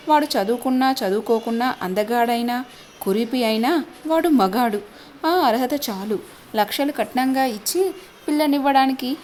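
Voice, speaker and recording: A woman's voice: on the high side, darkish tone, slight background noise. A woman narrating a family story in dramatic storytelling style. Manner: dramatic storytelling, voicing each character.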